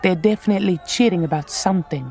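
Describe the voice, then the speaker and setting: A teasing lizard-folk rogue with courteous, formal phrasing and a mischievous streak, played by a woman. Her tone is mellow and dark-edged. She sounds like an audio drama character. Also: on the low side, fast, lightly acted. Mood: composed. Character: sly, teasing female reptilian rogue.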